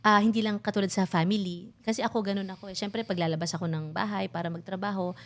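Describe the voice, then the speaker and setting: A woman's voice: mid-range voice, fairly even intonation, fast. A woman in her thirties, a podcast guest, talking candidly and reflectively about family and loss, mixing Tagalog with English. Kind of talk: emotional casual chat.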